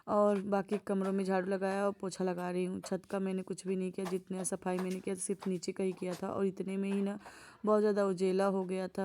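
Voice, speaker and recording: A woman talks through her morning housework in a homely, conversational voice-over. Her pitch sits in the middle and barely rises or falls, so the voice stays level and calm throughout. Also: a little hiss or hum. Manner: homely, chatty, gentle storytelling. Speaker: vlogger. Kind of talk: voice-over narration of daily chores.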